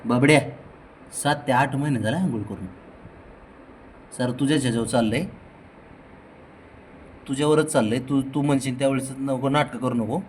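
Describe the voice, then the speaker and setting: घरी फोनवर व्हिडिओ करत मांजराला आंघोळीसाठी लाडाने, चिडवत वारंवार हाका मारणारा, मराठी लहेजा असलेला पुरुष. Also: male voice, mid-range voice, moderate pace, pauses often, slight background noise. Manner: coaxing, teasing, repeats calls. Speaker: cat owner filming his pets. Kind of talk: casual home video, coaxing a pet. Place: indoors at home.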